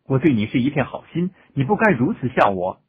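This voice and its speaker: A man voicing a kind-hearted young man in a storybook tale, speaking sincerely and gently. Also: mid-range voice, animated, moderate pace, slightly rough. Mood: earnest. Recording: tinny phone-like audio.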